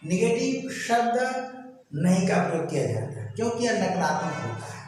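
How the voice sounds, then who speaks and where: Loud Hindi grammar teacher in an echoey room. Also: male voice, high-pitched, sing-song, moderate pace. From North India. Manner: loud, emphatic, scolding asides. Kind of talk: board lesson in Hindi. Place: classroom with a board. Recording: echoey room, far from the mic, faint ambience.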